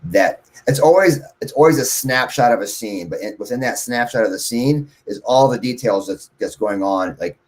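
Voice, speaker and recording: A man, a guest musician, answering interview questions casually and telling long, animated stories. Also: mid-range voice, normal speed, hardly any pauses. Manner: rambling, animated storyteller.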